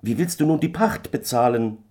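A man's voice: medium pitch, lively intonation, moderate pace, a little mellow, pitched above the performer's own voice, natural voice. A man voicing a worried, scolding peasant wife in a fairy tale, firing off nagging questions.

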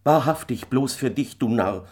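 A man's voice: medium pitch, animated, moderate pace, darkish tone, pitched above the performer's own voice, lightly acted. A man voicing a worried, scolding peasant wife in a fairy tale, firing off nagging questions.

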